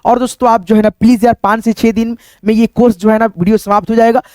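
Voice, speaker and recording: A man's voice: high-pitched, fairly even intonation, fast talker, a little mellow, no echo, clean studio sound. Patient man spelling out English words. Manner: spells words letter by letter, asks and repeats answers; keeps addressing viewers as friends with tag questions. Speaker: English teacher. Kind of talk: online phonics lesson.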